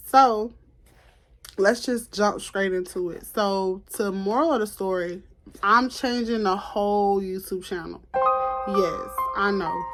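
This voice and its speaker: Chatty young woman vlogging to camera. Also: medium pitch. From Florida, US. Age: 20s. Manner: chatty, animated, laughs and repeats herself. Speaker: podcast host. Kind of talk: casual vlog chat to camera.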